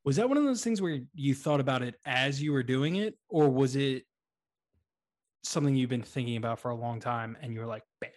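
A man's voice: mid-range voice, brisk, darkish tone. A man co-hosting a podcast in casual comedic banter, joking, swearing and poking fun at himself. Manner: profane, joking, self-deprecating. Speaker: podcast co-host.

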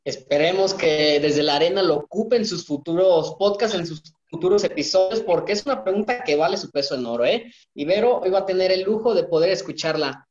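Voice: mid-range voice, a little fast, roomy sound, highs cut off, a little hiss or hum. A podcast co-host playfully building up a question for the guest.

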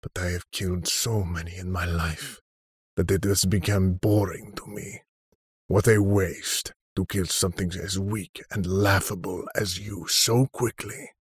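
A contemptuous, deadly older killer who drawls his threats slowly, as a man voices him in an audiobook. The voice sits low and a little husky, close and dry with no room around it. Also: fairly even intonation, no room sound, full character voice. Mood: menacing. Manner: slow, contemptuous, menacing. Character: cold, arrogant older male superhuman killer. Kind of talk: audiobook character reading.

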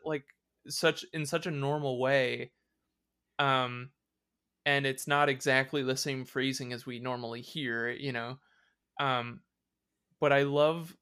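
A man's voice: mid-range voice, fairly bright tone, smooth. A man co-hosting a podcast, chatting in an easygoing way with lots of fillers. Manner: easygoing, filler-heavy, agreeable. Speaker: podcast co-host. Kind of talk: casual chat.

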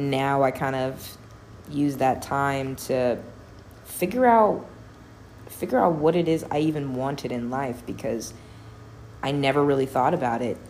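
A young adult woman hosting a solo podcast, rambling casually with lots of fillers, cussing and quick laughs. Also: deep voice, darkish tone, slight background noise. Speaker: podcast host.

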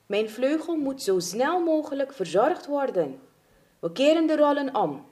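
A woman's voice: sits high, very animated, unhurried, darkish tone, voice pushed up. A woman voicing a wounded male stork who gives urgent, commanding calls.

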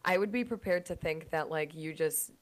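A young woman co-hosting a podcast, giggly and halting, often cutting in, heard over remote call audio. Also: deep voice. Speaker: podcast co-host. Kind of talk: casual TV recap chat.

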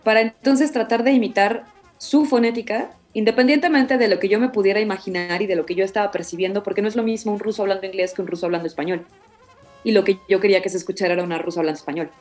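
A woman's voice: medium pitch, rapid-fire, soft background music. A voice actress, talking casually in an interview and acting out the quotes in her story. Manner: animated, many fillers, acts out quotes.

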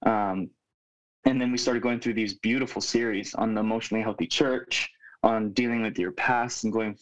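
A man in his twenties from Hawaii, a youth pastor telling his story as a podcast guest in an earnest, reflective way with thoughtful pauses. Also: fairly low pitch, fairly even intonation. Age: 20s. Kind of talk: casual conversational storytelling. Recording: dull lo-fi remote audio.

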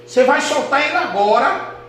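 Booming pastor in an echoey church. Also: male voice, animated, normal speed. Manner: dramatic storytelling, swings from hushed to shouting. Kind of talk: sermon testimony. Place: church hall. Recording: echoey hall with noise.

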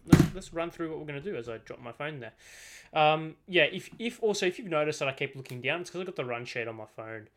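Speaking into a desk mic, the Australian teen host rambles chattily through his solo football podcast, often correcting himself. A slight lisp from braces colors his medium-pitched, fairly bright voice.

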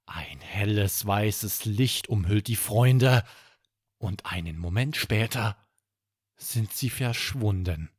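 Calm, slow bedtime storyteller man. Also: on the low side, slightly rough, dry recording, clean studio sound. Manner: calm, gentle, expressive storytelling. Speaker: children's storyteller.

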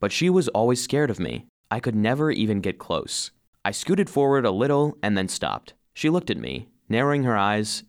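In a children's audio drama, a man with a lowish voice plays an earnest, eager cleaning robot who expressively narrates his own story.

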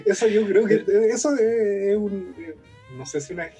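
A man with a Chilean accent talking casually about films and pop culture, laid-back and quick to laugh. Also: sits high, warm tone, slightly rough, faint music behind. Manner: laid-back, keeps saying "cachai", laughs often. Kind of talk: casual film discussion.

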